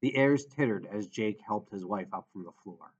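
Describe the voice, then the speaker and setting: Man, low voice, audiobook narration, steady reading, dull lo-fi audio. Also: normal speed, breathy edge.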